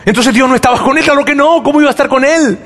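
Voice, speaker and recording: Man, pastor giving a sermon; high voice, animated storyteller, lingering hall reverb. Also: rapid-fire. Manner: animated storytelling, acting out dialogue, frequent repeated words.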